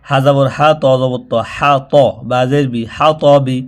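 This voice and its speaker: A man's voice: mid-range voice, flat delivery. Patient man teaching recitation. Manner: patient, repetitive, slows down and draws out syllables when demonstrating. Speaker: Quran reading teacher. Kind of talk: spoken tutorial, spelling out and chanting syllables.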